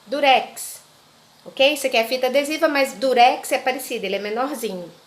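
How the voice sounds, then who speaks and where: A woman's voice: sits high, fairly quick, a little hiss or hum. A woman teacher, giving a grammar lesson to children, patiently repeating examples and checking in often.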